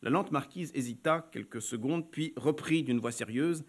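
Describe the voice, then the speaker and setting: A man narrating a classic story in a measured, expressive reading. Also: medium pitch.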